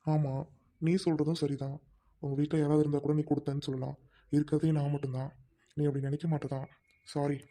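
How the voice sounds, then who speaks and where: A man's voice: a little high, little pitch movement, fairly quick, pauses often, warm tone, lightly acted. A man playing an earnest young husband who questions then apologizes to his wife, in a family web drama. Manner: earnest, apologetic, mixing in English words.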